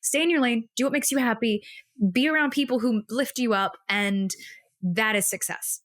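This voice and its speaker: A woman's voice: fairly high pitch, normal speed, fairly bright tone, no room sound, studio quality. A young woman co-hosting a casual podcast, talking emphatically with lots of "like" fillers, emotional and pregnant. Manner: emphatic, pep-talk delivery with frequent "like" fillers. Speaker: podcast co-host.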